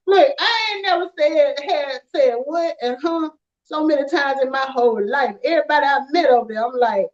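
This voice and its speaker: A woman, telling stories in an animated, casual chat with frequent laughter. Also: sits high, normal speed. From rural Alabama, USA. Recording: dull lo-fi sound.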